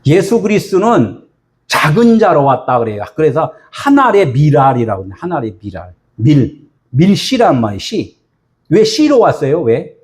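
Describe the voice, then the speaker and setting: A man's voice: a little high, sing-song, moderate pace, a little mellow. A male pastor giving a sermon, firing rhetorical questions at the congregation.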